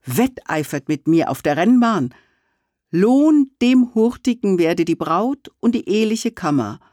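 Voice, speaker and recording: Proud young huntress maiden, as a reader puts her on, slow, solemn verse reading, dry. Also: medium pitch, sing-song, warm tone, no echo, voice pushed up. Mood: stern.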